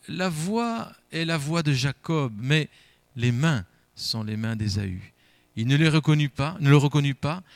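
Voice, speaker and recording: A man's voice: mid-range voice, a bit bright, dry recording. A man preaching in French, first reading a Bible passage aloud and then explaining it with emphatic, rising and falling delivery and frequent repeated words.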